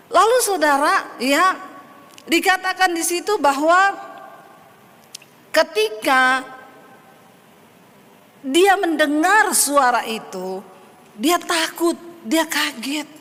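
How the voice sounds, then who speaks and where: High-voiced woman pastor preaching. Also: lively intonation, takes it slowly, long pauses, fairly bright tone, long reverb tail. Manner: addresses congregation as "saudara", acts out inner voices. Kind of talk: sermon.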